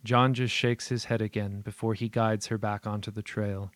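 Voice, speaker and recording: A man reads a first-person horror story in a steady, measured way. His voice sits low. The recording is dry and close, with no room around it. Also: dry recording. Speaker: narrator.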